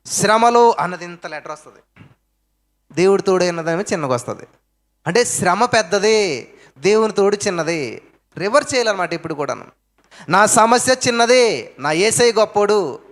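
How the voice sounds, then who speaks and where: A man preaching a sermon, firing off rhetorical questions and answering them himself, with emphatic swings between loud stresses and low asides. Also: expressive, normal speed, long pauses.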